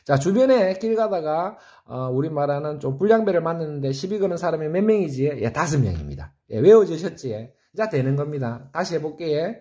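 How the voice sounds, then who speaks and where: Lively sing-song Gyeongsang man teaching. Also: brisk, hardly any pauses. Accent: Gyeongsang Korean. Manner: call-and-response quizzing, asks then answers himself; sing-song, jumps between high questions and low answers. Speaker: saxophone teacher. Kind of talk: online music theory lesson.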